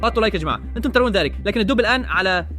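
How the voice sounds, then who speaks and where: Male co-host, bright and animated, talks fast. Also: sits high, faint music behind. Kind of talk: excited video commentary.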